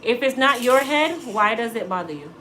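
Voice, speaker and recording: A middle-aged American hairstylist chats casually with her live-stream viewers over a noisy background. Her voice sits on the high side, animated and at a normal speed. She jokes and teases as she answers, laughing often.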